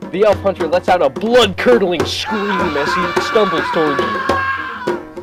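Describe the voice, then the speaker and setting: A man with a fairly high voice reads an AI-written adventure aloud in a playful way. Loud music plays behind him. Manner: playful, breaks into laughter. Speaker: player narrating. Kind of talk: reading an AI text adventure aloud.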